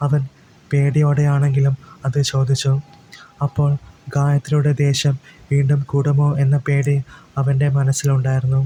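A man reading a story aloud as storyteller, in an even, unhurried way. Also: mid-range voice, faint music behind, poor audio. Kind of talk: storybook narration.

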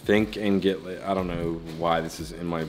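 A man's voice: low-pitched, fairly even intonation, moderate pace, faint music behind. A man co-hosting a vlog, making dry, teasing remarks in casual banter. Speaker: vlog co-host.

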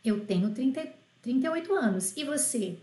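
High-voiced woman teaching French. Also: lively intonation, normal speed, mellow. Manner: drills phrases by repetition, coaxing and encouraging. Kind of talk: online language lesson. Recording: roomy echo.

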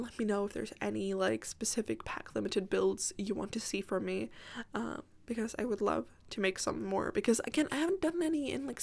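A woman's voice: fairly high pitch, gravelly, a little mellow. Chatty woman with a strained, cracking voice. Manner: chatty, self-interrupting, apologetic asides. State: strained sore voice, cracking now and again. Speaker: gaming video creator. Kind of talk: casual rambling voiceover for a build video.

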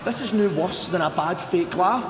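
A man's voice: high-pitched, normal speed, crowd noise, noisy background. An actor with a Scottish accent voicing an anxious man's self-critical inner thoughts in sketch comedy, urgent, with a reverb effect. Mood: anxious urging. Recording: echoing reverb over music.

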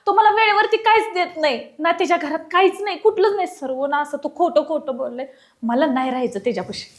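A woman's voice: high-pitched, quick pace, lightly acted. An actress playing a young runaway bride who regrets her marriage, scolding and wailing. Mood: complaining. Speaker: actor. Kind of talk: comic village drama acting.

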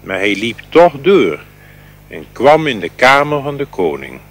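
Slow, expressive male storyteller. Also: mid-range voice, breathy edge. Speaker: reader. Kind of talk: storybook reading.

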